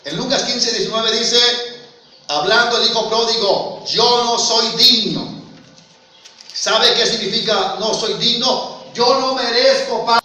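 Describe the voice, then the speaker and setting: A man's voice: very high-pitched, a little slow, pushed and bright. A man with a Mexican accent preaching a sermon, emphatic and full of rhetorical questions, calling listeners "brother". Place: church hall. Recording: very echoey hall, voice from far off.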